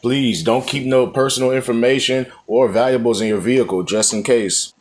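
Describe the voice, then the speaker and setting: A man's voice: medium pitch, steady tone, normal speed. A man narrating video clips with casual commentary, giving informal advice. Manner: informal, advising.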